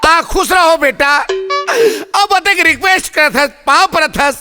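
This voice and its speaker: An actor playing a cheeky, loud-mouthed street tea seller who hawks in a sing-song, with a Chhattisgarhi accent. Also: male voice, extremely high pitch, takes it slowly, over music. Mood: bantering. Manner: sing-song hawking, teasing.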